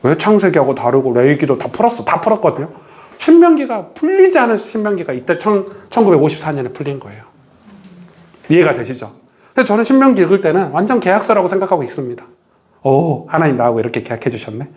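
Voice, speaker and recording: Animated Korean man teaching scripture. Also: sits high, quick pace. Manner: animated, asks the audience questions. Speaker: pastor. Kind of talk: Bible study lecture. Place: church.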